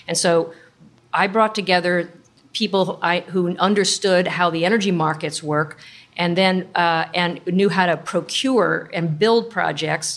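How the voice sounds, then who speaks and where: A middle-aged woman speaking as a startup founder in an interview, explaining things informally with plenty of industry jargon. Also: fairly low pitch. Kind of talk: conversational interview storytelling.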